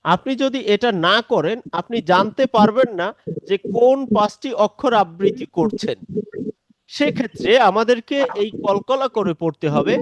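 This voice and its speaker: A man teaching Quran recitation in a live online lesson, patiently explaining step by step and drawing out examples slowly. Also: high-pitched, expressive, no echo. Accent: Bangladeshi Bengali.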